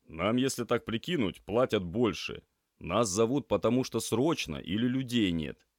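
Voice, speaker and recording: A calm, laconic young male student, as a man voices him. Very low in pitch, yet lively in line. Dry and close. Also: normal speed, no room sound, natural voice.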